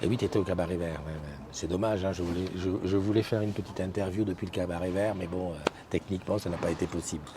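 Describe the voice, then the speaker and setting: A man with a very low voice hosts an easygoing live morning stream and chats to his viewers. He talks haltingly, with constant fillers and restarts. The recording is noisy, with passing vehicles clearly audible behind him. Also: fairly even intonation. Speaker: morning show host. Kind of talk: casual live-stream chat, reading viewer comments. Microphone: desk microphone.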